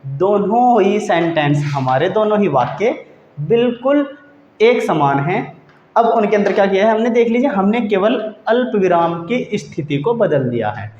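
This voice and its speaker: Male teacher with a high voice, explaining patiently and repeating himself, in a roomy room on a dull, lo-fi recording. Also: expressive, normal speed, a little mellow, a little hiss or hum. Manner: repeats key points, asks and answers own questions, says "theek hai" often. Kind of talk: explanatory grammar lesson.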